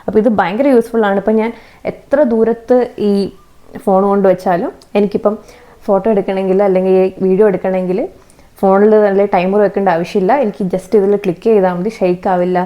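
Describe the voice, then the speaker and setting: A woman's voice: mid-range voice, fairly even intonation, fast, warm tone. A young woman, chatting casually as she reviews budget video gear, explaining each item step by step. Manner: chatty, explains step by step, tags sentences with "kettō". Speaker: YouTuber. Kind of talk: casual product review vlog. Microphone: phone camera, plug-in mic at times.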